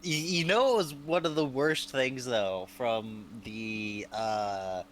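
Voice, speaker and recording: A man's voice: mid-range voice, takes it slowly, fairly bright tone, poor audio. A man hosting a live stream, chatting casually and telling rambling anecdotes full of fillers, often breaking into laughter. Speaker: streamer host.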